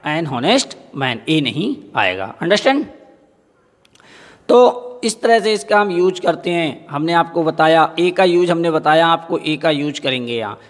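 High-voiced male teacher in an echoing room. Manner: asks the class questions and answers them himself; repeats each example word slowly. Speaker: school teacher. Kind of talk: classroom grammar lesson.

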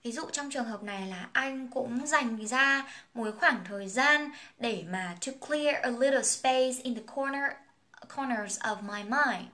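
A woman's voice: on the high side, unhurried, pushed and bright. A young woman whose first language is Vietnamese, teaching an English song, explaining phrases and pronunciation and singing lines in a casual, chatty way.

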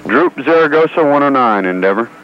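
A man's voice: mid-range voice, expressive, brisk. A man giving clipped, procedural calls as mission control communicator over a crackly radio link. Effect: crackly space radio link. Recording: muffled radio with faint hiss.

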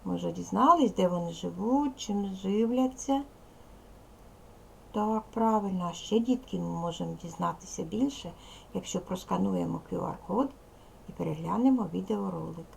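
Woman, primary school teacher, heavy vocal fry, slow instructive delivery, repeats words for kids. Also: mid-range voice, lively intonation, a little mellow, a little hiss or hum. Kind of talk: teaching a second-grade language lesson.

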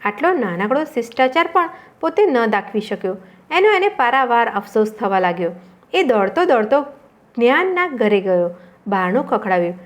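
A woman reading a storybook tale aloud in a calm, measured way. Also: a little high. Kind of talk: storybook narration.

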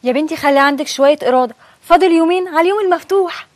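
A woman's voice: extremely high pitch, rapid-fire, dry recording. A woman with an Egyptian accent playing a bossy friend who lectures about dieting. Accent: Egyptian Arabic. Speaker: friend in comedy sketch.

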